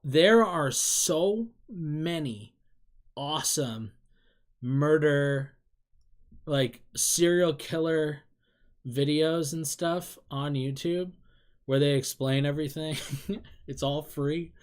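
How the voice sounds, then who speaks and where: A man's voice: on the high side, slow, pauses often. A man in his thirties chatting casually through a reaction video, rambling and self-deprecating, breaking into laughs. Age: 30s. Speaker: K-pop reaction YouTuber.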